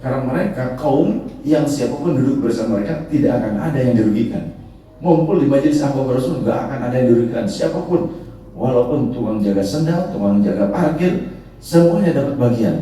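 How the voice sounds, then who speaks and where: A man giving a sermon, telling stories in a joking, lively way with frequent laughter. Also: mid-range voice, brisk, a little hiss or hum. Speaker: preacher. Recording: echoey hall, distant mic, faint ambience.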